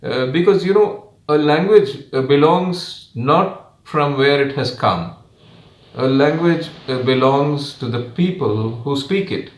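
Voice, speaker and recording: A man with a Kannadiga Indian English accent, a native Kannada speaker, giving his opinion as a television guest in measured, emphatic phrases with frequent pauses. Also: a little high. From Karnataka, India. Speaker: guest commentator. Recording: roomy, echoing sound.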